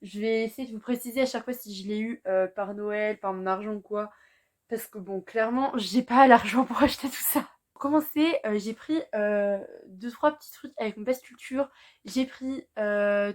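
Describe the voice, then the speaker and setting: A woman's voice: mid-range voice, darkish tone. A teenage girl chatting casually to camera about books she bought, with lots of fillers and little laughs. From France. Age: teens. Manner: chatty, many fillers, laughs between phrases. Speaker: booktuber. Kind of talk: casual chat.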